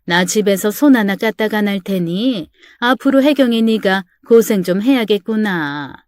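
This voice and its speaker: A woman's voice: medium pitch, expressive, moderate pace, dry recording, clean studio sound, close to an everyday voice. A woman voicing a selfish, scolding middle-aged mother-in-law in a dramatized story reading. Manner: sharp, scolding, self-pitying.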